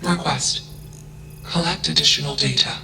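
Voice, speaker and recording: A man voicing a curious, self-aware artificial intelligence in a video game. He speaks in a flat, emotionless way and announces a label before each statement. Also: on the high side, moderate pace, gravelly. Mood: flat, robotic. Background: game music.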